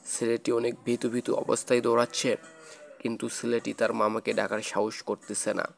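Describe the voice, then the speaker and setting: Gravelly man narrating a kids' cartoon story. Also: mid-range voice, little pitch movement, normal speed, soft background music. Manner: plain, repetitive storytelling.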